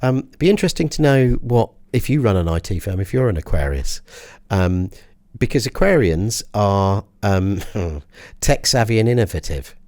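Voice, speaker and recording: A man's voice: on the low side, big pitch swings, normal speed, few pauses, darkish tone. British guy hosting a comedy chat, voice goes up and down loads, rambly, dry teasing. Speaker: podcast host. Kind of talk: casual comic banter.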